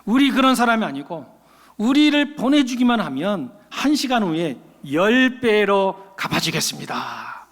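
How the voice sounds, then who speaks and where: A man's voice: high-pitched, big pitch swings, a little slow, fairly bright tone, full character voice. Man playing a flustered military aide, pleading, insistent, long reverb. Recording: long church-hall reverb.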